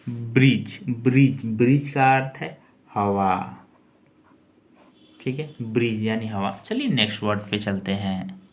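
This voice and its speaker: A man teaching English pronunciation, spelling each word letter by letter and repeating it slowly. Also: lowish voice. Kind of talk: slow pronunciation lesson.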